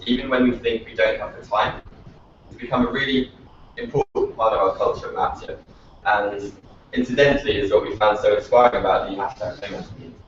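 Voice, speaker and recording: A man's voice: fairly low pitch, a little hiss or hum. A man who founded a startup, giving a prepared, reflective talk at a meetup. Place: echoey venue room at a meetup. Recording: echoey, distant, dull lo-fi audio.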